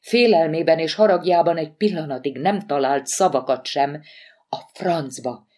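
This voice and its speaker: A woman narrating a novel in an audiobook, in a measured storytelling manner. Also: low-pitched, a little mellow. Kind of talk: scripted narration.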